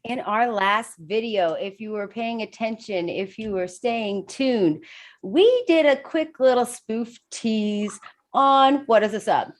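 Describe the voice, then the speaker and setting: Bubbly higher-voiced woman co-host. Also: animated, slow pace. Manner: bubbly, laughing, upbeat. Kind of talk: casual podcast chat over video call. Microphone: video call mic.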